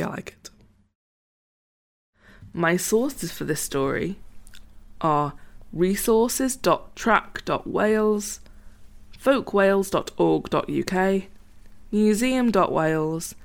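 Low, gravelly woman. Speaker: podcast co-host. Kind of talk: casual chat and reading a folklore story.

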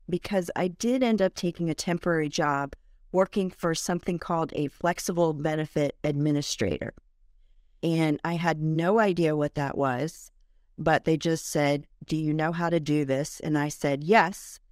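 Low-voiced mature woman hosting a podcast. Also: moderate pace, a little mellow, no echo, studio quality. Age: middle-aged or older. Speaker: podcast host and benefits compliance professional. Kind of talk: conversational scripted podcast introduction.

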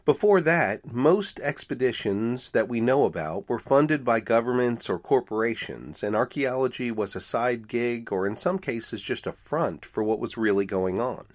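Lively, animated male podcast host. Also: medium pitch, normal speed, few pauses. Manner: animated, conversational, wry asides. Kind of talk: casual storytelling podcast.

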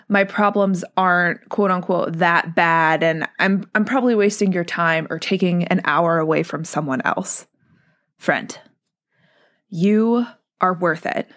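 A woman psychologist hosting her own podcast, giving listeners an energetic, encouraging pep talk in direct address. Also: medium pitch.

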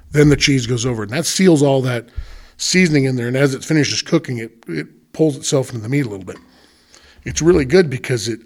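Middle-aged male podcast host, mid-pitched, folksy and conversational, walking listeners through cooking in plain words. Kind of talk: casual cooking talk, step-by-step explaining.

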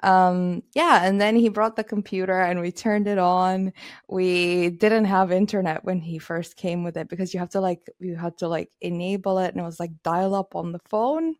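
A woman's voice: on the low side, steady tone, moderate pace, dry recording. Thirtysomething woman from romania, chatty, lots of ums and laughs, dry close sound. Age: 30s. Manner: chatty, laughs often, many fillers. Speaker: guest. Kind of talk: casual interview.

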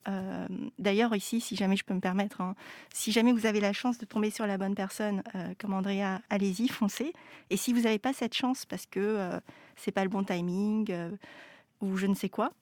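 Femme hésitante, voix sèche. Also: female voice, mid-range voice, steady tone, moderate pace, darkish tone, no echo. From France. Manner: hesitant, many fillers and restarts. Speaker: AI startup founder. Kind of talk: casual conversation.

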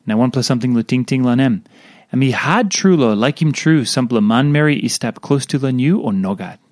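A man with a Papua New Guinean accent reads a devotional aloud. His pitch rises and falls in a very animated way as he works through the scripted message. The recording is dry, with hardly any room sound. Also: normal speed, dry recording. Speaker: devotional reader.

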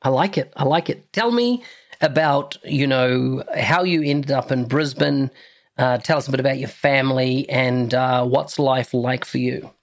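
A man's voice: medium pitch, a little slow. A man hosting a casual interview, chatty and asking his guest open questions. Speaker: host.

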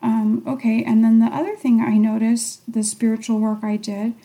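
Candid woman with a gravelly, mellow voice. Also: on the high side, little pitch movement, normal speed. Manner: candid, thoughtful, trails into soft near-whispers. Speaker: podcast host. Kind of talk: reflective personal monologue.

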